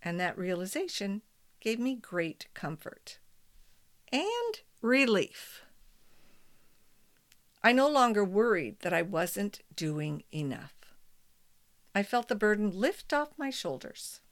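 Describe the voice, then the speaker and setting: Calm, slow-paced woman leading meditation. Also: medium pitch. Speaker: meditation leader.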